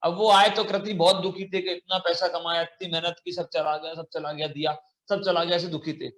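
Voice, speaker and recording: High-voiced man telling a children's story. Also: level tone, a little fast, a bit bright, roomy sound. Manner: asks children questions, acts out lines. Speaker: children's class teacher. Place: online children's class.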